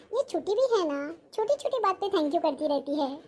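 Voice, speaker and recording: Patient, hardworking elder sister-in-law, fusses aloud , played by an actress; very high voice, family short film. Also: female voice, sing-song, a little slow, a little mellow, heavily acted. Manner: fussing, complaining to herself. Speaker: actor. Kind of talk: family drama acting.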